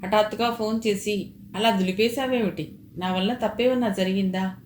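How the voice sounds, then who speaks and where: A woman's voice: mid-range voice, fairly even intonation, moderate pace, a little mellow, a little hiss or hum, lightly acted. A woman reading aloud, voicing a confused man who pleads and defends himself, recorded with a roomy echo. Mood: pleading.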